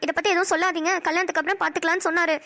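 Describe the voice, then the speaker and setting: A woman's voice: very high voice, flat delivery, racing, bright, forceful tone. A woman voicing a young woman in a cartoon who scolds and reassures her friend. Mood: scolding. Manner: scolding, then soothing.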